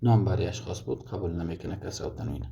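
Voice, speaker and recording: A man's voice: deep voice, lively intonation, warm tone. A man teaching Arabic grammar step by step, working through many examples and restarting often. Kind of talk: recorded grammar lesson summary. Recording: dull lo-fi audio with clear noise.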